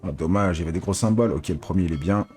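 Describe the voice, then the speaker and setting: Guy streaming slots, low voice, begging the reels and cursing, quiet music behind. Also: racing. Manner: excitable, pleads with the reels, swears. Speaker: casino streamer. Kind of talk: casual live commentary.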